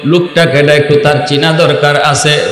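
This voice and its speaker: A man from Bangladesh with a Sylheti-tinged Bengali accent, giving a storytelling sermon that climbs to high, sing-song peaks and asks the crowd to answer. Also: fairly even intonation, normal speed, a bit bright. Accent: Sylheti-influenced Bangladeshi Bengali. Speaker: Islamic preacher. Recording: echoey hall with long reverb.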